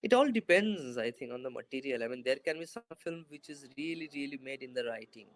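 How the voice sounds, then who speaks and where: Speaking a little fast with lively intonation in a mid-range voice, a young filmmaker guest fields interview questions. He's on a video call through his laptop camera in a bright room indoors, pausing thoughtfully, using lots of fillers, and restarting his sentences.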